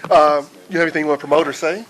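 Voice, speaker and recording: A man's voice: fairly high pitch, fairly even intonation, fairly bright tone, a little hiss or hum, poor audio. A man interviewing a guest, asking loose, informal questions. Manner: loose, fast, informal grammar.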